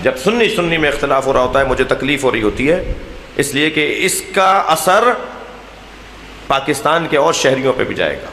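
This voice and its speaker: A man with a Pakistani Urdu accent, preaching an impassioned sermon to a gathering, swinging between loud declamation and low, earnest speech. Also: lively intonation, a little hiss or hum. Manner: oratorical, rising to loud declamation then dropping low. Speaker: Shia cleric addressing a majlis. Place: large imambargah hall. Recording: echoey hall with long reverb.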